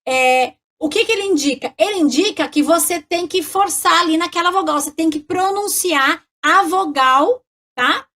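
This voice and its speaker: A woman with a high voice teaches a casual French lesson. She talks in a friendly, chatty way and checks in with her listeners after almost every phrase. She slows down to spell and pronounce French words. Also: pushed and bright. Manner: chatty, checks in constantly with tag questions.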